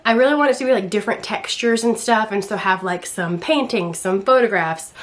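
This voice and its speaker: A young Southern American woman, a book and craft vlogger, chats at home in a casual, rambling, slangy way. Her voice is medium-pitched and a little fast.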